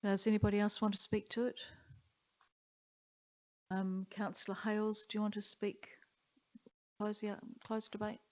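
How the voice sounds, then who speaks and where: A woman chairing a council meeting, running through motions and votes in a brisk, procedural way. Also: mid-range voice, little pitch movement, darkish tone. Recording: dull muffled council chamber audio.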